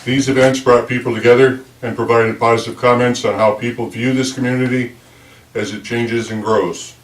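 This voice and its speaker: Lisping man with whistling s, distant mic. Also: mid-range voice. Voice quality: lisp from a dental appliance, whistling s. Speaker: village board chair. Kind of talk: formal prepared speech at a public meeting. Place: indoor village board meeting room. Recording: roomy, distant meeting-room microphone.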